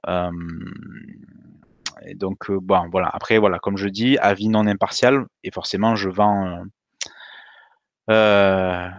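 Low-voiced man presenting, full of hesitations. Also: steady tone, slow pace, long pauses, no room sound, muffled recording. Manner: hesitant, many fillers and restarts. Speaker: meetup presenter. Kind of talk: conference talk over slides. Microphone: webcam on a video call.

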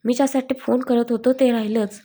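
A woman's voice: a little high, steady tone, fairly quick, mellow, lightly acted. A woman voicing a confident, teasing young male police officer in a storybook reading. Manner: teasing, playful.

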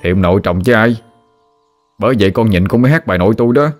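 A man's voice: on the low side, fast talker, faint music behind, close to an everyday voice. A man voicing an exasperated son in his thirties, protesting.

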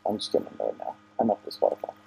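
A young gaming channel host gives casual commentary while playing a video game at home, talking to himself and getting annoyed easily. His voice is mellow and very fast, on a lo-fi home recording with slight background noise.

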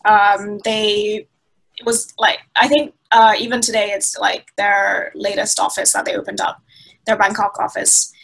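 Answering interview questions over a video call from a small indoor room, a woman in her twenties from Thailand talks at length, thoughtful but with many fillers and restarts. Her mid-range voice is unhurried, fairly even, gravelly and a bit bright. The laptop webcam gives a rough recording.

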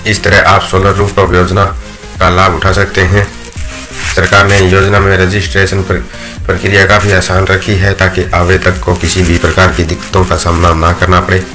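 A man's voice: deep voice, normal speed. A man narrating a scripted voice-over explainer, reading steadily with small slips. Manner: steady read-aloud delivery with small slips. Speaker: channel narrator. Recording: voice-over with loud background music.

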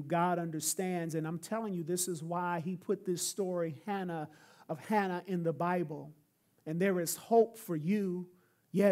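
Pastor, sermon, emphatic, repeats refrains, mid-pitched voice. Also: a little mellow. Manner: emphatic, repetitive preaching with refrains.

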